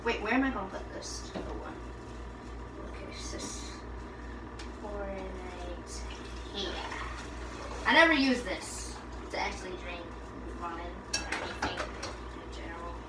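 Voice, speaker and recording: A woman's voice: medium pitch, lively intonation, normal speed, background noise. A young woman chatting casually while cooking, telling a story in a rambling way and often correcting herself. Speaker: cooking vlogger.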